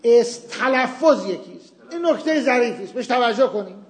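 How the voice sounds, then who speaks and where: A man's voice: very high-pitched, expressive, echoey room. A man teaching a seminary class, explaining a point patiently with everyday examples and asking and answering his own questions. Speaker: teacher of Islamic legal theory. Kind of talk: seminary lecture with class discussion.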